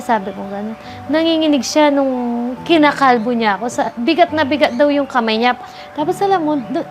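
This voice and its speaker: A woman with a slightly high voice tells her story in an earnest, soft-spoken way, speaking politely to an interviewer. Clear music plays beneath her words throughout. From Philippines. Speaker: interviewee, cancer survivor. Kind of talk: emotional testimonial interview. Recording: music bed underneath.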